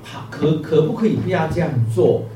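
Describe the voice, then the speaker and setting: A man's voice: a little high, fairly quick, mellow, close to an everyday voice. A man voicing a proud bamboo stalk that pleads and stammers as it is pruned, in a sermon parable. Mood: pleading. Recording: echoey room, distant mic, faint music.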